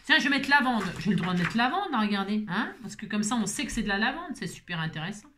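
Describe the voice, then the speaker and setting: A woman's voice: mid-range voice, animated, fast, fairly bright tone. A woman hosting a craft tutorial, chatting and rambling with self-mocking asides as she works, feeling unwell. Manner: rambling, self-mocking, talks to viewers while working. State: unwell with migraine.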